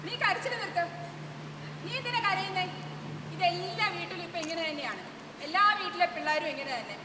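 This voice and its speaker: A woman's voice: very high voice, a little fast, noisy background. A woman acting a practical working friend in an amateur stage drama, chatty and consoling. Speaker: stage actor. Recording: echoey hall, far from mic, crowd.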